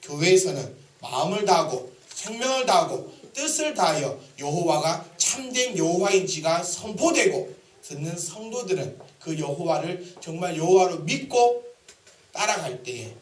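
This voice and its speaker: Lively high-voiced preacher. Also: male voice, moderate pace, recorded from a distance. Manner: animated, joking, acts out dialogue. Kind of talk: sermon. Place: church sanctuary. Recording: echoey church hall.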